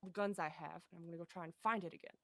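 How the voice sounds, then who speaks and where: A woman's voice: on the low side, steady tone, rapid-fire, creaky, dry recording. Woman voicing a desperate man hunting a beast. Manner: urgent, pleading.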